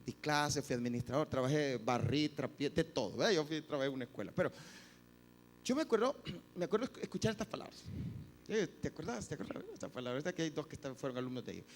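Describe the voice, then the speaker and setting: A male pastor preaching a sermon, animated and acting out the voices of the people he quotes. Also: on the high side, fast, slight background noise. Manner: animated, acts out quoted voices, addresses listeners as "hermano". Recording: reverberant church hall, faint music.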